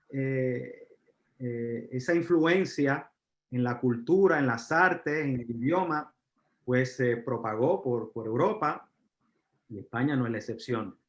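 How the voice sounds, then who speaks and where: A man with a Puerto Rican accent lectures to a room, stopping often on fillers and turning questions out to his listeners. His voice sits at an ordinary middle pitch. The recording is roomy and slightly dull, as if caught from across a lecture room. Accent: Puerto Rican Spanish. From Puerto Rico. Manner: frequent fillers, asks the audience questions. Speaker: university lecturer. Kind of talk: live lecture to an audience.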